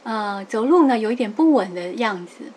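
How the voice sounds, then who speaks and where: A middle-aged woman lecturing on classical poetry, explaining characters patiently, reading verses slowly and often adding a soft "ha". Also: a little high, a little hiss or hum. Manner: lively, explains patiently, ends many phrases with a soft "ha"; reads quoted verses slowly and with emphasis.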